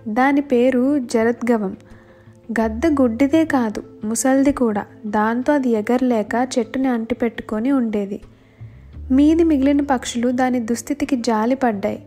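A woman narrating a children's bedtime story in a measured, expressive way. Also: a little high. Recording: faint background music.

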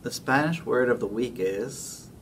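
Distant, slow-talking young man teaching. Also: medium pitch. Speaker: Spanish word presenter. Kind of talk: simple children's language lesson. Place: indoors before a plain backdrop. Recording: distant mic with noisy room ambience.

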